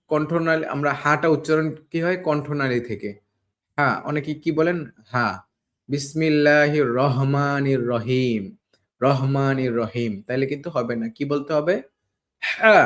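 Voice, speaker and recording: A man teaching Quran pronunciation, drilling each Arabic letter sound over and over and asking his learners questions he answers himself. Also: fairly high pitch. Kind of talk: slow pronunciation lesson. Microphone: camera facing the teacher.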